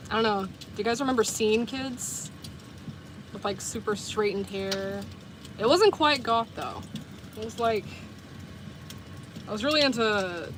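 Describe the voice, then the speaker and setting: A fairly high-pitched woman in her twenties from the southern United States livestreams and vlogs, rambling at her viewers in a relaxed way. She peppers her talk with "like," corrects herself repeatedly, and there's noise around her.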